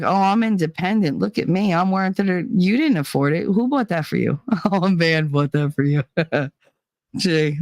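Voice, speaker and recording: A middle-aged woman with a deep voice hosts a livestream, reading the chat and ranting bluntly in casual, opinionated talk. She mocks people with laughter and put-on voices, and the recording is dry.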